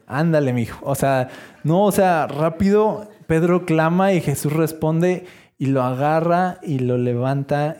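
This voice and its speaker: A man preaching a sermon in a conversational, animated way, acting out scenes as he goes. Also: fairly high pitch.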